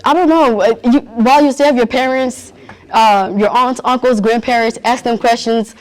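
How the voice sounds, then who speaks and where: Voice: medium pitch, fairly even intonation, normal speed, poor audio. Earnest young speaker. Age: young adult. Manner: earnest, searching for words. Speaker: youth interviewee at a community event. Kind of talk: casual interview answers.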